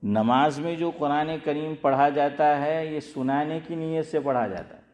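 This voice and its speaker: Preacher man, kinda high voice, lots of echo, keeps asking the crowd "got it?". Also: darkish tone. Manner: explains with questions to the audience, repeats key points. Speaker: Islamic scholar giving a talk. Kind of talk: conversational sermon.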